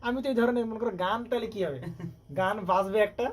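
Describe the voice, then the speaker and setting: A man lectures on electronics in a high, steady voice, talking quickly and repeatedly quizzing the class with rhetorical questions. The recording carries faint background noise.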